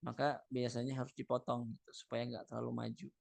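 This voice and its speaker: A man, teaching Quran recitation, reads Arabic phrases and then explains them in a relaxed, chatty way with many fillers. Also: medium pitch, quick pace, vocal fry, no echo. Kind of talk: explaining a text line by line.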